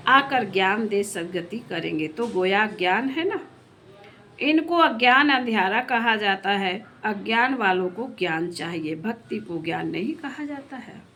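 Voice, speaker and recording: A woman's voice: medium pitch, lively intonation, a little slow, a bit bright, a little hiss or hum. A woman teaching a spiritual class, explaining a scripture reading in an earnest sermon and asking her listeners questions.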